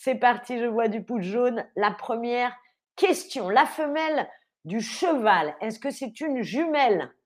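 A young woman teaching French on a livestream, speaking slowly and clearly, spelling words out letter by letter and cheering on viewers. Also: fairly high pitch, expressive. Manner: upbeat, encouraging, quizzes viewers. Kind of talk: live online vocabulary lesson.

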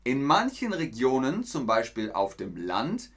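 A man's voice: mid-range voice, wildly swooping pitch, unhurried, a bit bright, breathy edge. A man teaching German on a livestream, explaining pronunciation and answering viewers' chat questions in a chatty, explanatory way. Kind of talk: livestream language lesson reading chat.

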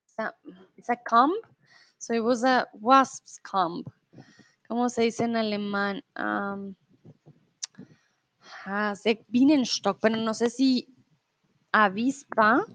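Young female Spanish teacher, live stream, reads chat and explains patiently, a touch high, takes her time. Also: a bit bright. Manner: friendly, slow and explanatory, switching into English to explain. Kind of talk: live online lesson reading viewer comments.

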